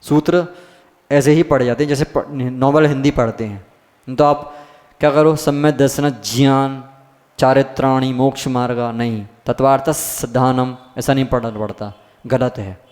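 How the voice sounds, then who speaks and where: A man's voice: mid-range voice, steady tone, moderate pace, darkish tone. A man, a monk teaching a scripture class, who explains step by step and keeps asking the class questions. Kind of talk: scripture lesson. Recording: long hall reverb.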